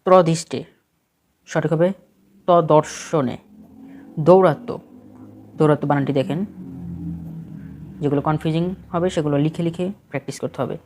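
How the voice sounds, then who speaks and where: A man's voice: fairly high pitch, fairly even intonation, normal speed, pauses often, a little mellow. A man with a Bangladeshi Bengali accent reads a spelling list aloud for exam prep, steadily correcting each word in short phrases.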